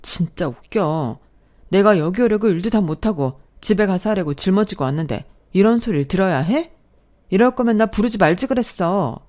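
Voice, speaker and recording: A woman's voice: low-pitched, animated, normal speed. A woman voicing an indignant young bride-to-be arguing back in a storybook audio drama. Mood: angry. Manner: indignant, sharp.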